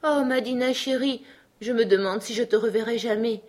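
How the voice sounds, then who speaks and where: A woman's voice: a little high, lively intonation, brisk, faint music behind, pitched above the performer's own voice. A woman reading the part of an earnest, eager-to-please young girl in a storybook.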